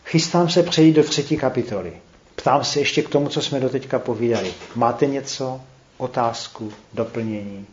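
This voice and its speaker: A man's voice: mid-range voice, a little hiss or hum. Reflective man leading a Bible study. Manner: reflective, pauses to question the group. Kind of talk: group Bible study teaching. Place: room with a small group. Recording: roomy, dull recording with faint clicks.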